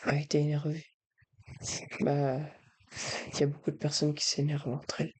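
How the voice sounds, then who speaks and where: A man with a breathy voice, speaking softly in an ASMR style as he advises the listener. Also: fairly high pitch, completely flat delivery, moderate pace. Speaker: ASMR video creator. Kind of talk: soft-spoken ASMR, advising the listener directly.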